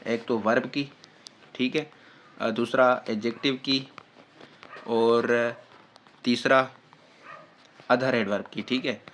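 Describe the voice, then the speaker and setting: A man giving an exam-prep grammar lecture. He asks his own questions, answers them, and dictates English examples very slowly. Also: medium pitch, fairly even intonation, a bit bright, a little hiss or hum. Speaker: grammar teacher.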